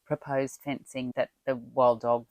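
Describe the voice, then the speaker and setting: A woman's voice: rumbling low, level tone, measured pace, a little mellow, dry recording. A woman hosting a podcast interview, responsive and friendly. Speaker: podcast host. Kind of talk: casual interview.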